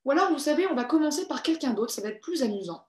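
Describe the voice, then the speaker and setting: A woman's voice: high-pitched, lively intonation, very fast, a little mellow. A woman hosting a live online creative workshop for children, cheerful and encouraging as she reads out viewers' comments. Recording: echoey room.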